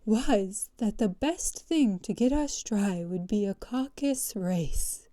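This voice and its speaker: A woman's voice: mid-range voice, animated, slow, warm tone. A woman voicing a solemn, long-winded storybook dodo who declaims pompously and is easily offended. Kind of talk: storybook character voice.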